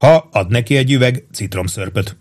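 A man's voice: mid-range voice, a little mellow, close to an everyday voice. A man reading an audiobook, voicing a stubborn army first sergeant who answers in a clipped, dry, grudgingly obedient way.

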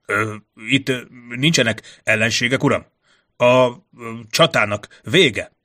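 A man with a medium-pitched, sharp-toned voice plays a nervous, courtly male ambassador. His delivery trembles and stammers, packed with fillers and hesitations.

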